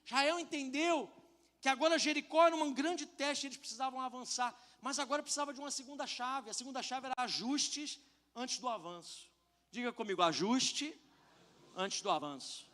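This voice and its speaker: A man with a Brazilian Portuguese accent preaching a sermon as pastor, impassioned, moving between soft talk and shouting. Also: very high-pitched, a little fast, in a large hall. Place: church.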